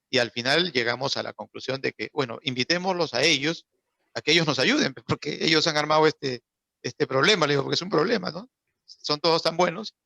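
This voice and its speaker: A man's voice: mid-range voice, creaky, sharp tone, dry recording. A man hosting an awards program, speaking in a chatty way full of fillers and tag questions. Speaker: contest host. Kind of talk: casual live talk.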